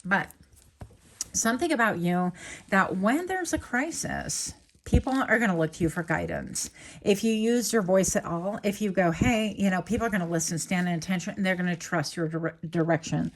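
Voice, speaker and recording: A woman's voice: on the low side, moderate pace. A woman doing a casual tarot reading to camera, chatty and rambling, correcting herself and laughing lightly as she goes. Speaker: tarot reader.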